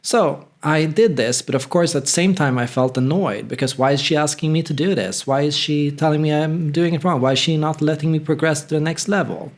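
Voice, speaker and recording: A man's voice: fairly high pitch, a little fast, hardly any pauses. A man from northern Sweden, telling a personal story in a candid, reflective, conversational way. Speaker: channel host.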